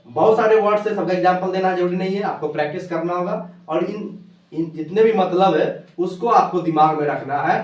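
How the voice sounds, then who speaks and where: A man teaching English pronunciation at a board, spelling words out letter by letter and slowing down for English phrases. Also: fairly high pitch. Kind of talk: whiteboard lesson explaining pronunciation. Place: classroom with a board. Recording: echoey room, voice from far off, faint noise.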